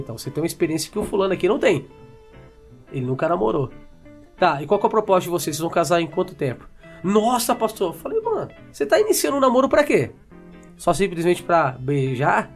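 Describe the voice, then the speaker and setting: High gravelly man hosting. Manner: relaxed, recounts conversations and asks long questions. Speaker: host. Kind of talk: casual conversation.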